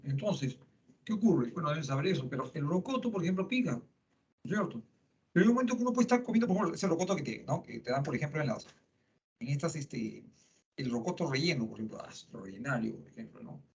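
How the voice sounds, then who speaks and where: Male lecturer, middle-aged, fairly high voice, chatty with tag questions, dull lo-fi classroom recording. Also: animated, quick pace, vocal fry, darkish tone. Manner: conversational, frequent tag questions. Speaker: psychology lecturer.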